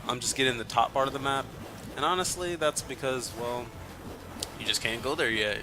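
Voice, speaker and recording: Man, from Texas, let's play commentary, rambling, swears, lots of fillers, mid pitch, game music behind. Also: moderate pace. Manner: rambling and profane, with many fillers. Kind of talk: casual gameplay commentary.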